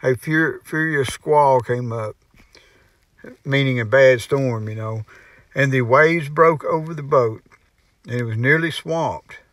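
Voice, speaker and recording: A man giving an informal Bible teaching in a folksy, rambling way, often pausing with "you know" and restarting his sentences. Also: medium pitch, fairly bright tone, no room sound. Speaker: preacher.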